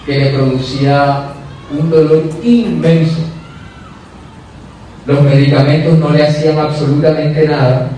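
Male preacher, storytelling sermon, mellow high voice, distant mic. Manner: storytelling, rising to fervent passages. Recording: echoey hall from far off, faint noise.

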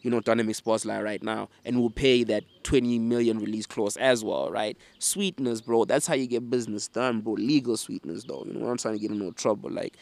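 A man's voice: fairly low pitch, steady tone, brisk, vocal fry, hardly any pauses, darkish tone. A man talking casually and bluntly about football as a fan-show host, in slangy urban talk with some swearing. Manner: slangy urban talk, peppered with bro, fam and mandem. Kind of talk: casual opinionated football transfer commentary.

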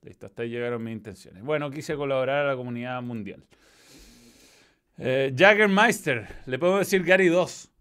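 Speaking a little fast, this man has a mid-range voice that's a bit bright, clear, and resonant. He hosts a football stream with a Chilean accent, casually reading chat messages and swearing freely.

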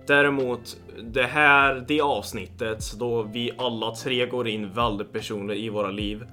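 A young man tells stories on a casual podcast, with lots of fillers and swearing. His voice is bright and forceful. Faint music plays behind him. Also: mid-range voice. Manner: excitable storyteller, swears a lot, lots of fillers. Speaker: podcast co-host. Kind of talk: casual podcast chat, storytelling.

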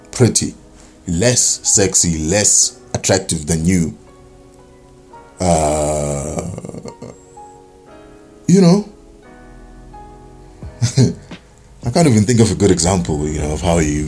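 A man's voice: on the low side, darkish tone. Rambling young South African man. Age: young adult. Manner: rambling, many fillers and restarts. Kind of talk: casual opinion monologue.

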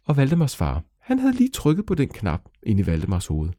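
A man narrating a children's story in a lively, animated way. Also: no room sound, studio quality. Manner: lively, animated storytelling with sudden pitch jumps.

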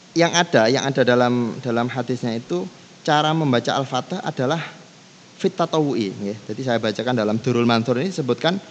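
A man with a Javanese accent leading a casual religious lesson, easygoing and switching between languages, reciting Arabic passages. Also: a little high. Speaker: Islamic teacher leading kitab study. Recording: long reverb with faint background noise.

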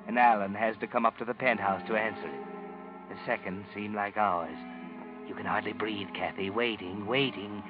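An actor playing an ominous male narrator who addresses a killer in the second person, measured and brooding, from a muffled old radio broadcast with music behind. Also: on the low side, fairly even intonation, close to an everyday voice.

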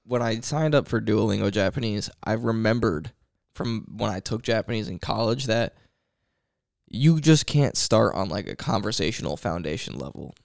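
A man co-hosting a podcast, deadpan and wry, swearing casually as he tells stories. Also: on the low side, moderate pace, creaky, no echo, clean studio sound. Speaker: podcast co-host. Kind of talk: casual chat.

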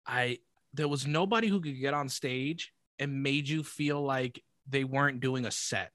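A man in his twenties, a comedian guest talking casually and profanely on a podcast, animated in his storytelling. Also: mid-range voice, a little slow, dry recording. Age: 20s.

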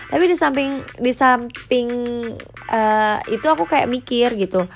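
Young woman rambling on her own podcast, a bit of vocal fry, soft music under. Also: mid-range voice. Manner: chatty, mixes English phrases, many fillers. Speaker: podcast host. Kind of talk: casual solo podcast.

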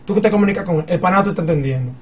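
Talking fast in a high voice, a man argues in a casual group chat by stacking up one example after another in an animated way. He sits slightly back from the microphone, so he sounds a little distant, and crowd noise can be heard.

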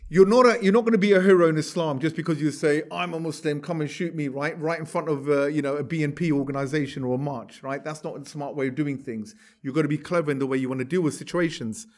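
A man's voice: on the high side, a little mellow. A man, teaching a class by retelling a story in a conversational way, often checking in with the listeners. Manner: conversational, asks "right?" to check in. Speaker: religious teacher. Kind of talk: storytelling lecture.

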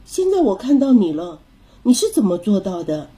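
A woman's voice: mid-range voice, very animated, normal speed, mellow, breathy edge. A woman voicing a small, timid child who keeps asking worried questions in a storybook reading. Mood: curious. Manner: anxious questioning.

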